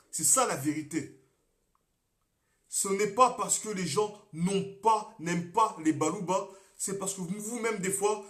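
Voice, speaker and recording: A young Congolese man, a political activist, talking on a live stream with passion, repeating himself and swinging between loud and quiet. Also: sits high, echoey room. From Congo (DRC). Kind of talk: monologue on a Facebook live stream.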